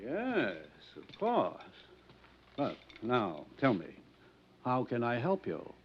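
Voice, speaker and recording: An actor playing a wealthy, courteous mansion owner in a 1950s radio drama, speaking smoothly and guardedly. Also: male voice, mid-range voice, wildly swooping pitch, slow pace, a little hiss or hum. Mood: polite. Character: wealthy polished mansion owner, male, middle-aged. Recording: dull old radio transcription.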